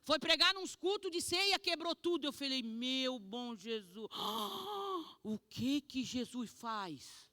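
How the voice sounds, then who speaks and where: A woman pastor from Brazil giving an animated, emotional testimony sermon. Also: high-pitched, unhurried, few pauses, dry recording, clean studio sound.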